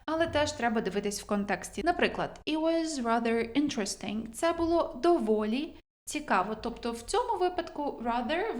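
A young woman who speaks Ukrainian as her first language teaches English words in a relaxed, chatty way, poking fun at her own pronunciation. Her voice sits a little high, and she slows right down whenever she reads an English example. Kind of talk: vocabulary lesson.

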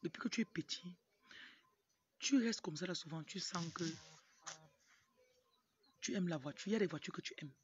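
A Cameroon-born young woman raised in Tonga, who works as a motivational speaker and livestream host, talks informally to camera from a yard, frequently drifting into asides. She speaks with a Cameroonian French accent in a lowish voice at normal speed, with long pauses. The phone, held at arm's length, captures muffled, noisy outdoor sound, including a crowing rooster and background noise.

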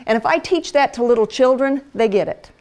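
A middle-aged woman addresses other wives at a women's Bible study, her voice a little high, expressive, brisk, and slightly mellow. She keeps the church teaching conversational and down-to-earth, chatting and dropping into everyday voices.

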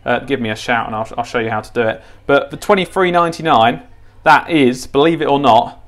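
Speaking fairly quickly in a somewhat bright, mid-range voice, a man hosts a hands-on gadget how-to. The setting is an indoor tiled kitchen counter, and his delivery is loose and unscripted, with repetition and thinking aloud.

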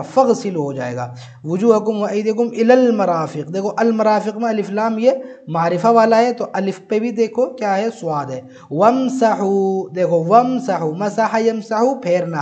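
Guy teaching grammar online, high voice but mellow, keeps saying look and repeating stuff. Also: dull audio. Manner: patient, repetitive explaining, often says "look", recites Arabic examples. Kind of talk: explanatory online lesson.

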